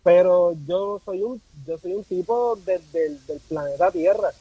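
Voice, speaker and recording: In a casual podcast interview, a Puerto Rican man who makes travel content reflects on things as a guest, repeating phrases for emphasis in his Puerto Rican accent. His high-pitched voice is mellow and slightly rough, at a measured pace, in a rough recording with no room sound.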